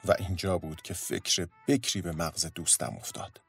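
A man narrating a story in a steady, measured storytelling voice. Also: low voice, vocal fry, breathy edge, soft background music.

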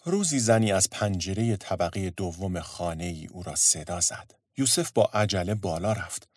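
A man narrating a story in a steady, measured storytelling voice. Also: sits low, no room sound, studio quality.

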